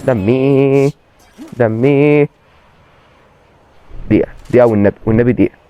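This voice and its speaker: A man with an Egyptian accent commentating his own gameplay and repeating excited exclamations. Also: medium pitch, normal speed, a little hiss or hum. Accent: Egyptian Arabic. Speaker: gaming channel host.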